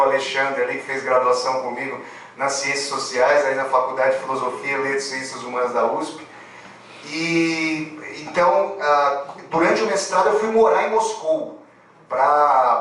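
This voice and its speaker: A man's voice: mid-range voice, steady tone, normal speed, fairly bright tone. Man, 30s, lecturing, digressive asides, distant mic, heavy room echo, faint hiss. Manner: digressive, full of asides and restarts. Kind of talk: academic lecture. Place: lecture hall with an audience. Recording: very echoey hall, mic far off.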